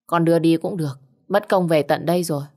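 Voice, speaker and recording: A woman's voice: deep voice, darkish tone. Woman voicing a furious jealous husband. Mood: insistent. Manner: harsh accusing, quick bursts. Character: angry jealous young husband.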